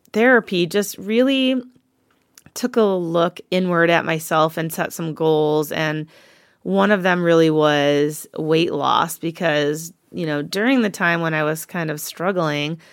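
A woman's voice: on the low side, dry recording, studio quality. A woman in her forties co-hosting a podcast, talking frankly in casual chat with frequent ums. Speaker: podcast co-host.

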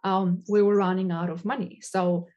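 A woman's voice: mid-range voice, flat delivery, normal speed, warm tone, muffled recording. A woman with an Albanian accent and non-native English phrasing, speaking earnestly in an interview as a shelter coordinator.

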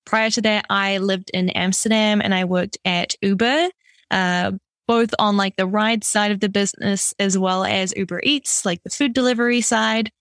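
A woman's voice: medium pitch, fairly even intonation, normal speed, fairly bright tone, no room sound. An upbeat young woman with a New Zealand accent talks freely as a podcast guest, peppering her speech with easy fillers. Her voice sits in a middle register. The recording is dry and close. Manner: upbeat, chatty, lots of "like" fillers. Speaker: guest product designer. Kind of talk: conversational interview.

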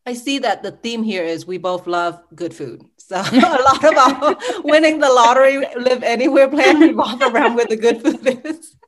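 A woman's voice: on the high side, moderate pace. A young adult woman from Vietnam, raised in Texas, hosting a podcast in a friendly, easygoing chat. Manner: friendly, easygoing, laughs lightly. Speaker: podcast co-host. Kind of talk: casual chat.

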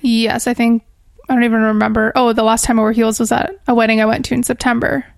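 A woman's voice: on the high side, level tone, fast talker, vocal fry, no room sound, clean studio sound. A woman speaking casually as a guest in a podcast interview, recorded in a small room. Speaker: podcast guest, personal trainer.

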